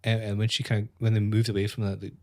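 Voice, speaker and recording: A woman's voice: extremely low pitch, very fast. A woman, co-hosting a podcast and telling a story in casual chat, acting out the quotes. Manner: animated storyteller, acts out quotes. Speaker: podcast co-host.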